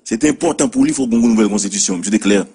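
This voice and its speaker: A man's voice: on the low side, expressive, racing, dark tone, slightly rough. A man with a Haitian accent hosting a commentary show, talking in a sing-song way and repeating words for effect. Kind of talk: animated Creole commentary.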